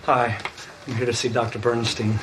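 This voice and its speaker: An actor playing a new father who is defensive, whiny, and quick to fret. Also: medium pitch, little pitch movement, loud music behind the voice, lightly acted. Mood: placating. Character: anxious, self-righteous young dad. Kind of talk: sitcom acting.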